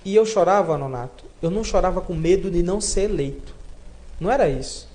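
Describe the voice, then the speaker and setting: Man from Brazil, city councilman, earnest and heartfelt, slightly high, warm mellow tone. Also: a little fast. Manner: earnest, heartfelt, repeats phrases for emphasis. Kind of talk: interview answer.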